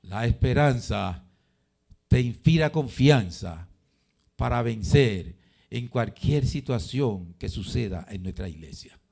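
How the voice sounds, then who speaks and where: Slow gravelly preacher man. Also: mid-range voice, expressive, a little mellow. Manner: asks the congregation rhetorical questions and answers them; repeats phrases for emphasis. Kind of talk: sermon. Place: church.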